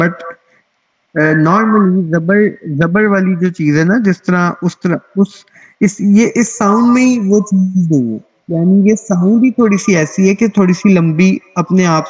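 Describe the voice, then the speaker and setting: Guy teaching tajweed on a video call, patient, keeps checking everyone gets it, slightly high voice, muffled audio. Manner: explains patiently, often checks in with "theek hai?". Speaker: Quran recitation teacher. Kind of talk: online tajweed class.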